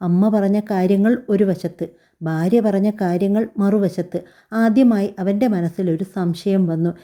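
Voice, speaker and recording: Very dark-voiced woman storyteller. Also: mid-range voice, steady tone, normal speed. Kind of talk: scripted story narration.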